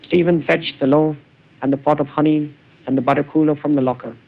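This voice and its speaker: A cloned synthetic man's voice reading literary prose in a measured, brooding way, heard through a narrow phone-like band. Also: fairly high pitch, steady tone, creaky.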